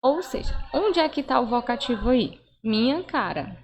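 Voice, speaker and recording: A woman's voice: high voice, expressive, moderate pace, faint music behind. Brazilian woman teaching an online lesson. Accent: Brazilian Portuguese. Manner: explanatory, frequent tag questions.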